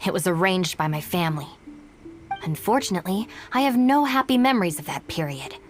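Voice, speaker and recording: A woman's voice: lowish voice, animated, brisk, soft background music, natural voice. A woman voicing a cool, practical young woman in a video game, with a dry, businesslike, matter-of-fact delivery. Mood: dry, weary. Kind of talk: English game voice acting.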